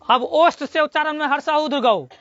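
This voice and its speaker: A teacher giving a classroom grammar lesson, drilling students with repeated questions and slowly sounding out syllables. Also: sits high, fairly bright tone, no room sound. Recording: dull lo-fi recording.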